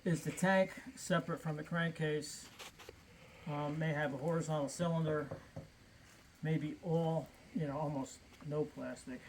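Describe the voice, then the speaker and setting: A man with a thin, squeaky, reedy voice, explaining things casually and unscripted in a rambling, halting way as he thinks aloud. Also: steady tone, a little hiss or hum, poor audio. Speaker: vintage chainsaw hobbyist explaining features.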